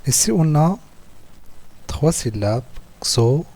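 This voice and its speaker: A man with an Algerian French accent, walking through written school exercises as a teacher, slowly repeating words and syllables. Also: medium pitch, mellow. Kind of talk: slow, patient lesson walkthrough.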